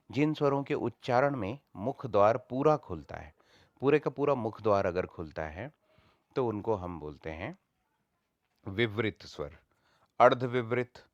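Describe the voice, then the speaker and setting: A man's voice: fairly low pitch, no room sound, dull audio. A man teaching a lesson, patiently repeating each point in several ways. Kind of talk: explanatory lesson.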